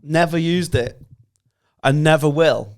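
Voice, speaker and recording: An English man co-hosting a casual comedy podcast, teasing his partner with quick banter. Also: fairly high pitch. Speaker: podcast co-host.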